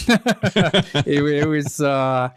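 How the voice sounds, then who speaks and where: A Czech pianist and composer in his forties, his voice a little high, clear and resonant, stretches out his words with lively intonation. Recorded in a studio with no room sound, he rambles through a casual interview, restarting himself and chuckling at his own tales.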